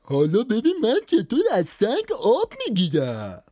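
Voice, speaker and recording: A woman voicing a cheeky, boastful young trickster hero with a teasing, lively voice. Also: mid-range voice, no room sound, studio quality. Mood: boasting.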